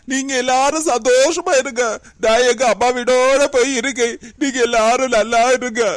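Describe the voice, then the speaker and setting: Defensive daughter-in-law arguing back, woman doing the voice, high and dry sounding. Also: no room sound, natural voice. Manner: pleading, defensive, argumentative. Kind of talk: cartoon comedy voice acting.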